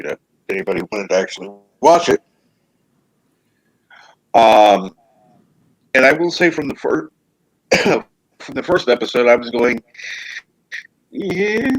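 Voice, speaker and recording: A man's voice: on the low side, slightly rough, no room sound, low-quality recording. A man hosting a casual talk show, giving his opinions in an informal way. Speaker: talk show host reading chat comments.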